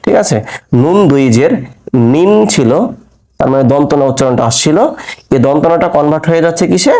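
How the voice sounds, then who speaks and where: A man's voice: on the high side, warm tone. A man teaching Quran recitation rules, explaining step by step, asking and answering his own questions, and stretching out words when he recites them. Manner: drawn-out sung recitation of verse words. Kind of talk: tajweed lesson with recitation.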